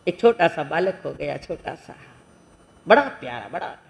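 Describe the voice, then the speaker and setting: A woman, a Jain nun, preaching a sermon in an animated storytelling manner, acting out village characters in dialect. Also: low voice, measured pace, vocal fry.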